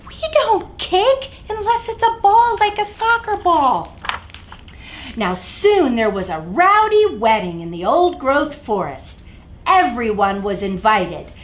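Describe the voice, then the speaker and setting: A woman with a high, sing-song voice hosts a children's story time, reading aloud slowly and expressively while addressing young listeners directly. The room is echoey, with faint background noise.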